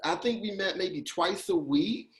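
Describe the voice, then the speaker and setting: Young male interviewer, higher voice, earnest and moved. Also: a little slow. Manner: moved, gropes for words. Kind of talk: conversational interview.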